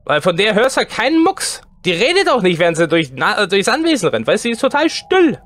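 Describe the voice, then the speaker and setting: Excitable high-voiced male gamer. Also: fairly quick, no room sound. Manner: excitable, chatty, talks to the game characters. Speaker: let's play host. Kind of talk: horror game commentary.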